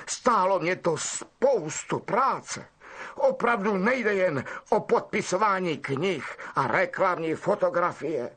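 A preening middle-aged wizard professor, put on by a male reader, speaks high and bright with a lively, swooping line. He draws his words out slowly and smugly, sounding set apart from the narrating voice. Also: slightly rough, exaggerated voice. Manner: affected, drawn-out, self-pleased.

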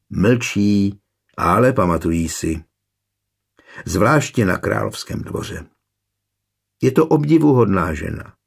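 A man with a gravelly, husky voice voicing a proud, sharp-tongued pregnant young noblewoman in an audiobook. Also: fairly low pitch. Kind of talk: audiobook character reading.

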